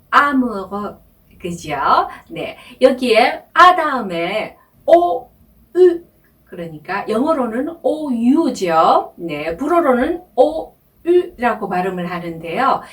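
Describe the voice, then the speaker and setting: A woman teaching French pronunciation in a slow, patient lesson, repeating each word and filling pauses with soft sounds. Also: on the high side, distant mic. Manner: patient, repeats words slowly, many soft fillers.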